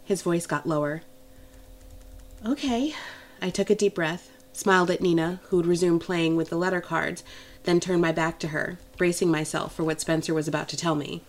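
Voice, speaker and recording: A woman with a slightly low voice reads a romance novel in the first person. Her delivery is intimate and emotional, and she tells the story closely and warmly. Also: flat delivery, brisk. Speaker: audiobook narrator.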